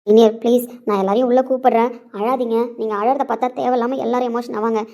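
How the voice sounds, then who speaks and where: A woman playing a calm female doctor who soothes and steadies her patient. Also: a little high, fast, voice pushed down, close to an everyday voice. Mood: firm calming. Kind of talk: home video drama acting.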